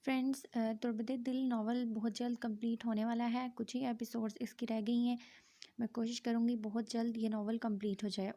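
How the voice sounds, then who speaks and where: A woman hosting her channel who reads an audio novel in an even storytelling manner and mixes in English words. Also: a little high.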